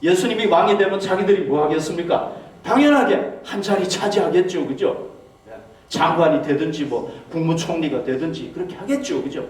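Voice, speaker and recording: A male pastor preaches in a high, animated voice that swings widely in pitch. He keeps asking his congregation rhetorical questions. He is heard from some distance, and the church hall rings with heavy echo. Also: slight background noise. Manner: acts out quoted speech in a raised voice. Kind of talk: sermon. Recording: very echoey hall, mic far off.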